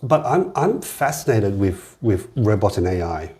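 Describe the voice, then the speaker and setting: A man hosts a relaxed interview podcast with a somewhat low voice. He talks in a loose, chatty way, stumbling over words and repeating them as he works out his thoughts. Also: unhurried. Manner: repeats words and restarts often. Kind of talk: casual conversational interview.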